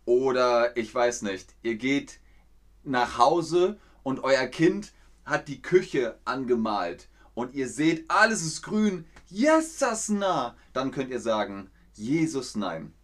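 A man's voice: medium pitch, animated, slow, a bit bright. Playful man hosting a quiz. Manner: playful, teasing, encouraging. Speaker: quiz host teaching dialect words. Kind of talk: livestream quiz with chat.

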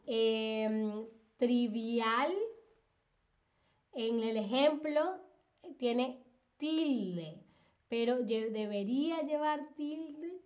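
Slow, high-voiced woman teaching spelling. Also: darkish tone. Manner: patient, repeats examples and asks "¿ok?". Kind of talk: live-streamed spelling lesson.

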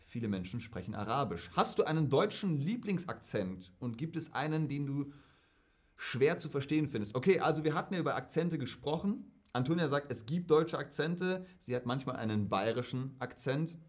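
Brief: young German man, casual chatty Q&A host, lively, mid-pitched voice. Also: moderate pace, breathy edge. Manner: lively, chatty, acts out quoted speech. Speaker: German tutor answering viewer questions. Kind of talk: casual Q&A vlog.

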